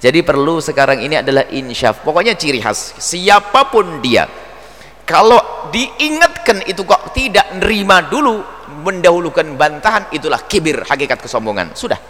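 A man's voice: fairly high pitch, moderate pace. A man preaching a religious lecture, playfully acting out little dialogues for his audience. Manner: lively, acts out dialogue, playful asides. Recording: long reverb hall.

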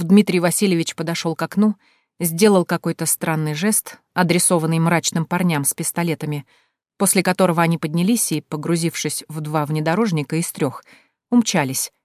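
Woman narrator, first-person audiobook, wry and lively, dry booth. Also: low voice, dry recording.

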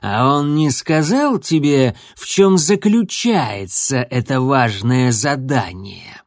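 A man voicing a hulking, menacing male warrior cat with a low threatening bass, speaking slowly and sneeringly. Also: animated, no room sound, clean studio sound. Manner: slow, drawn-out, sneering.

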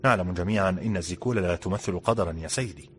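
Casting: narrator as a respectful male physician, deep, measured, polite. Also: slight background noise, natural voice. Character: calm respectful male town doctor.

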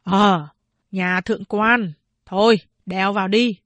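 A woman voicing a blunt male official who gives loud, commanding orders. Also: medium pitch, fairly even intonation, takes it slowly, dry recording. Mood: gruff insistence.

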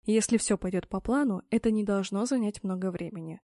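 A woman narrating a novel in a measured, steady manner. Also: medium pitch, dry recording, studio quality. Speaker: audiobook narrator. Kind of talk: scripted narration.

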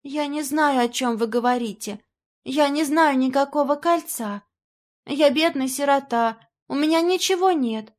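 A woman's voice: sits high, unhurried, pitched above the performer's own voice. A woman voicing a frightened poor orphan boy who pleads with trembling fear. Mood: pleading.

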